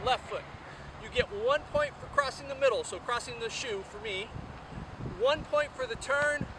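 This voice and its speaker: Breathless man coaching outdoors. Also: very high voice. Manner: instructive, step-by-step explaining. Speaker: youth soccer coach. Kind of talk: demonstrating drills outdoors. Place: outdoor field. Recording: distant mic, loud wind and traffic noise.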